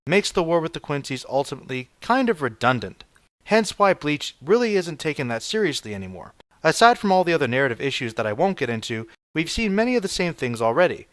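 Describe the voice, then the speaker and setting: A man narrating a scripted video essay as a reviewer, with a measured, analytical delivery. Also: mid-range voice, a bit bright, no room sound.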